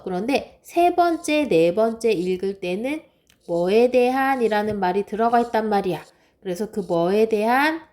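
A woman teaching a math lesson to children, patiently asking and answering her own questions and repeating key words. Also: medium pitch. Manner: repeats key words, drops to soft murmurs.

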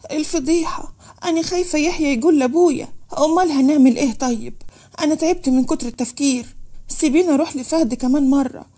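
A woman's voice: high voice, warm tone, pitched above the performer's own voice, natural voice. A woman voicing a distraught pregnant young woman who pleads through tears, with an Egyptian accent. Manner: tearful, pleading.

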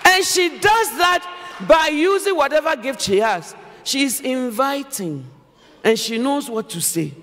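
A woman pastor preaching a sermon in an animated, emphatic way, often raising her voice to a shout. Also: high voice, measured pace. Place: church hall. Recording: reverberant church hall, faint background noise.

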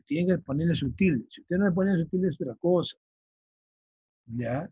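A male teacher explaining vocabulary for an exam, often checking in with his students and slowly dictating key terms. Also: a little high, animated, mellow, slightly rough, no echo, lo-fi sound. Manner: checks understanding with frequent "ya?". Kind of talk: vocabulary lesson for exam prep.

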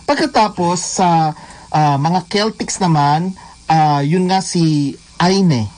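A man's voice: fairly high pitch, slow, a little mellow, low-quality recording. A man from the Philippines co-hosting a radio show, steering the casual talk with questions and frequent laughter. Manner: leads the talk, asks questions, laughs often.

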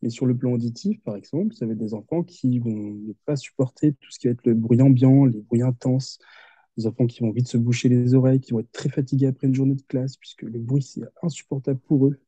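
An occupational therapist in his thirties explains things patiently with examples in a video call interview from a home office with a window. His mid-range voice is mellow and slightly rough, fairly quick, with fairly even intonation and no echo. He uses a headset, and the video call audio sounds muffled.

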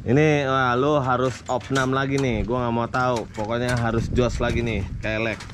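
A man's voice: medium pitch, flat delivery, moderate pace. A man, vlogging casually on a muddy trail and joking with his riding friends. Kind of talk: casual vlog chat. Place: muddy dirt trail outdoors. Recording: loud outdoor and engine noise.

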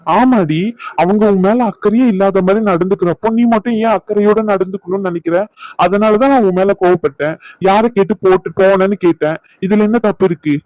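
A man's voice: high voice, a little fast, a little mellow, dry recording, dull audio, lightly acted. A man voicing a firm, coaxing cartoon husband. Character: young husband, firm but affectionate.

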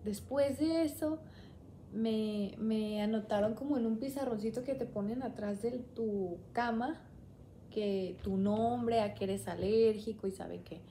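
A young woman vlogger with a warm, rather high voice tells a personal story in an unhurried, chatty, rambling way, often quoting herself. There is a little hiss or hum in the recording.

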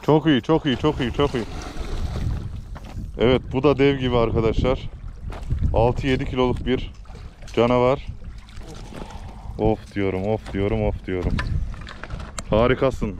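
An excited man hosts a fishing video from a boat on a reservoir, cheering and chatting to his viewers in a mid-pitched voice. Wind and boat noise sit clearly behind him. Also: measured pace, pauses often. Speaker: fishing vlog host. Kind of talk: casual outdoor chat to viewers.

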